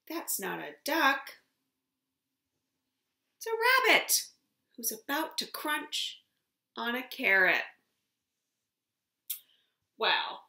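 A woman in her thirties reading a picture book as if to a toddler, expressive and exaggerated, with simple phrases and pauses. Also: high voice, echoey room. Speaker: children's storytime host. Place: small room at home, indoors.

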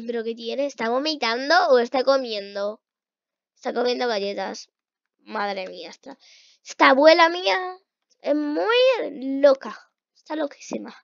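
Excitable high-voiced woman gaming, gravelly edge. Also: no echo, highs cut off. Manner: excitable, shrieks at failures, mutters while playing. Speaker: gaming youtuber. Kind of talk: casual let's-play commentary.

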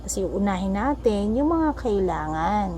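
Slow, patient mother. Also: medium pitch, sing-song, warm tone, slight background noise. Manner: patient, coaxing, mixes Tagalog and English. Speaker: mother vlogging with her young daughter. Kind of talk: casual vlog, gently explaining to a child.

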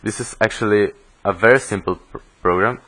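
Low-voiced man explaining code. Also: a little fast, low-quality recording. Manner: steady explanatory, self-correcting restarts. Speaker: programming instructor. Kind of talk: screencast coding tutorial.

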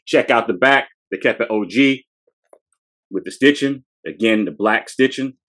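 Speaking at normal speed with a fairly bright, mid-range voice, this forties-aged man co-hosts a sneaker podcast and talks up a pair from his collection. His casual showcase is slangy and hyped, full of repeated phrases, shot close on a fixed camera in a small room.

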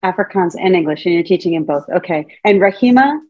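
A middle-aged Montessori teacher trainer gives a casual, playful talk over a video call from a room at home, often posing questions to her audience. She speaks fast in a lowish, darkish voice with lively intonation, and the webcam recording is dry and muffled.

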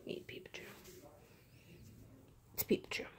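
Whispering and speaking a little slowly, the teenage girl behind this casual phone-shot vlog meanders through self-deprecating stories about car trips, set over her own drawings.

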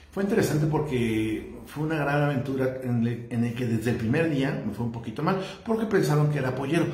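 Brief: Mexican Spanish vlogger, mid-pitched man, rambling chatty delivery, roomy echo. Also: darkish tone. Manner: chatty, rambling, tags lines with "¿no?". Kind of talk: casual travel-tips chat.

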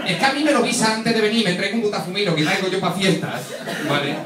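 A man's voice: high voice, fast talker, crowd noise. A man from doing a stand-up comedy monologue, teasing the audience with constant tag questions. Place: comedy stage with a live audience. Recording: roomy, distant mic, audience laughter.

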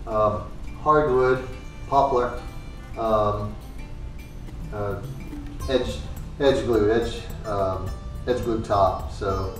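A man in his thirties casually explaining his woodworking build in a home garage workshop, halting with many ums and uhs. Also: mid-range voice. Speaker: woodworking vlogger. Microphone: far camera. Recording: echoey garage, voice from far off, music behind.

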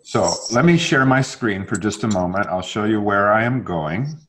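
A man in his fifties runs a relaxed bilingual language exchange on a video call from a home room, mixing English and Spanish and correcting himself as he goes. His voice is fairly low at a moderate pace, and the recording is rough, with faint video-call noise.

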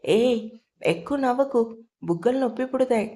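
A woman's voice: on the high side, animated, moderate pace, dark tone, natural voice. A woman voicing a cocky, teasing young man in an audio story, speaking in a blunt and careless way.

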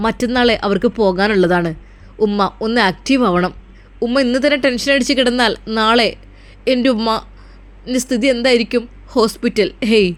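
A woman's voice: on the high side, lightly acted. A woman voicing a protective young husband and son who speaks firmly and reassuringly. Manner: firm, commanding, reassuring.

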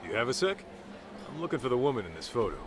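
A man's voice: medium pitch, sing-song, quick pace, background noise, close to an everyday voice. An actor playing a casual, direct middle-aged male detective in a video game dub. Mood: polite, businesslike. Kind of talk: English game dub acting.

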